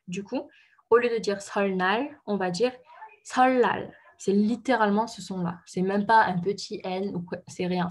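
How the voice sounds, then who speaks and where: Husky-voiced woman explaining pronunciation. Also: mid-range voice. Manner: patient, many fillers and self-corrections. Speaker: Korean language teacher.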